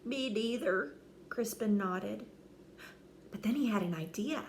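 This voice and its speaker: With a gravelly, mid-range voice and a slightly slow pace, a woman performs a children's storybook, narrating the script expressively with theatrical, dramatic flair.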